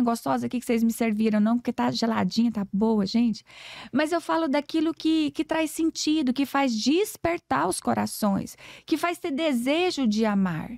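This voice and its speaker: Woman, Brazilian accent, forties, gravelly fry, earnest motivational storyteller, dry close sound. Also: high voice, darkish tone, no echo. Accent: Brazilian Portuguese. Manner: earnest, preachy, acts out dialogues. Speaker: podcast guest, educator. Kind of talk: emotional storytelling interview.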